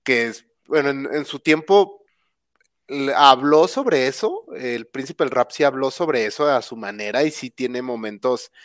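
A man's voice: mid-range voice, lively intonation, unhurried, no room sound. Joking Mexican man, dry close sound. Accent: Mexican Spanish. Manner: joking, laughs between remarks. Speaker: podcast co-host. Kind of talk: casual chat.

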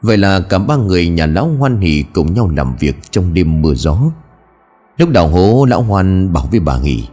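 A man's voice: deep voice, very animated, moderate pace, dark tone, soft background music. A man narrating a scripted horror story in a dramatic storytelling manner.

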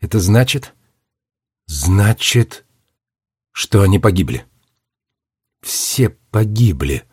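A man's voice: fairly low pitch, expressive, slow pace, pauses often, husky, no room sound, studio quality, exaggerated voice. A man reading a story aloud and voicing a young girl prisoner who is bitter and fierce. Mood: despairing. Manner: fierce, bitter, shouting at times.

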